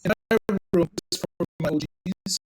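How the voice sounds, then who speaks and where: A man tutoring English one-on-one, patient and encouraging, pausing to type as he explains. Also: high-pitched, fairly even intonation, soft background music. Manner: patient, encouraging, talks while typing. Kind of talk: one-on-one online English lesson.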